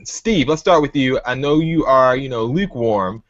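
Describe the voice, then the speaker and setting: A man's voice: medium pitch, expressive, normal speed, no echo. Brash, teasing male podcast host. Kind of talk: casual sports talk. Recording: dull lo-fi recording.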